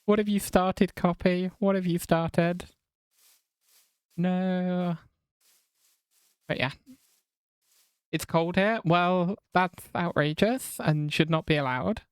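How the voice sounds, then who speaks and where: Wry streamer with a slightly high voice. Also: male voice, fairly even intonation, slow, pauses often, clear, resonant tone, dry recording, clean studio sound. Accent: non-rhotic English. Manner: chatty, wry and self-mocking, laughs often. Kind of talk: casual live-stream chat while gaming.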